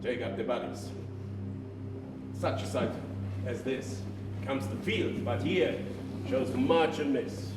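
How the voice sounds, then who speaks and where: An actor playing a solemn, commanding prince claiming a throne, declaiming in a stately way in a stage tragedy. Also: male voice, medium pitch, slow, long pauses, close to an everyday voice. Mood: solemn, regal. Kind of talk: theatrical stage tragedy in verse. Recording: distant echoey stage with music.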